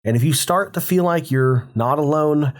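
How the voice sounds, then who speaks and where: A man with a sick voice, hosting a paranormal channel and narrating eerie stories in a dramatic, hushed way. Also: a little high, moderate pace. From Appalachian foothills, US. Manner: dramatic, hushed storytelling with casual asides. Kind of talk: spooky storytelling narration.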